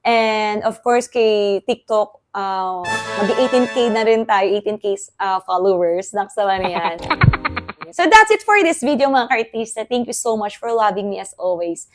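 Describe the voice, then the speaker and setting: A Filipino woman vlogging in a casual, excitable way, chatty and quick to laugh. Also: mid-range voice, over music. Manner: chatty, excitable, code-switching, laughs often. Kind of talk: casual vlog chat.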